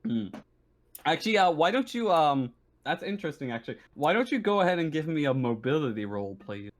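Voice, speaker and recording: A man working as game master improvises narration for a tabletop roleplaying game, speaking haltingly with frequent stammers and repeated words. His voice is on the high side and sing-song.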